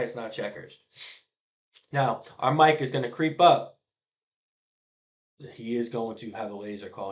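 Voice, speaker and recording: A middle-aged man, a youth football coach, casually explaining blitz schemes over a diagram, often trailing off quietly at the ends of phrases. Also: medium pitch.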